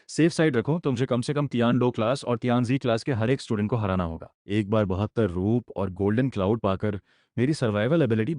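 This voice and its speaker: A man voicing a cocky eight-year-old boy prodigy fighter in a recap story, talking calm and self-assured. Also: fairly low pitch, no room sound, studio quality, lightly acted.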